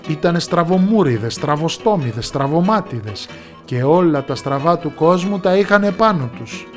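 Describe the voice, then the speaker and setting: A man telling a folk tale in lively, expressive scripted narration. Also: a little high, faint music behind.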